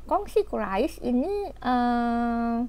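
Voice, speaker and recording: A woman storyteller delivers a casual spoken history lecture slowly, her slightly high voice warm, clean and lively in intonation. She explains things in a chatty way with rhetorical asides.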